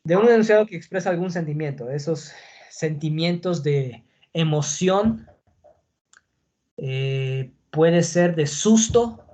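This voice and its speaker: A man's voice: fairly high pitch, lively intonation, slow, dark tone. A man teaching a class on punctuation, explaining patiently and checking in with his students. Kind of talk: online class on Spanish punctuation.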